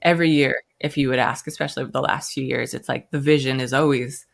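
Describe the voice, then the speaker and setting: Her voice is a bass, gravelly and steady in tone, and she talks fast. She's an American brand founder recounting her story in a relaxed interview, chatting freely and performing the voices of the people she quotes.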